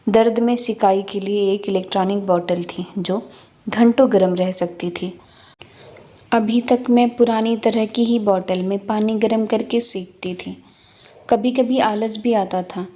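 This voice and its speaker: Calm woman storyteller in her fifties. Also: mid-range voice, unhurried. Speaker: narrator. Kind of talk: first-person storytelling.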